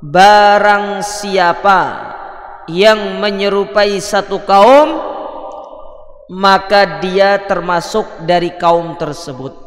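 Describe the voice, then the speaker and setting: A high-voiced man gives a slow, measured religious lecture and checks in with his listeners. Each word rings out in a heavy cathedral echo with a long hall tail. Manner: measured, checks with audience, recites Arabic. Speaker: Islamic religious teacher. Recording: echoey hall with long reverb.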